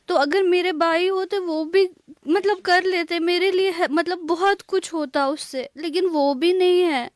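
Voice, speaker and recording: Tearful high-voiced young woman. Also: steady tone, no room sound, studio quality. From Kashmir. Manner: soft-spoken, hesitant, many pauses and fillers. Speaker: interviewee. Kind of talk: emotional interview.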